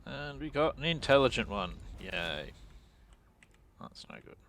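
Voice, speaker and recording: A man's voice: medium pitch, sing-song, measured pace, a bit bright. A man streaming a strategy game, thinking aloud and muttering casual commentary as he plays.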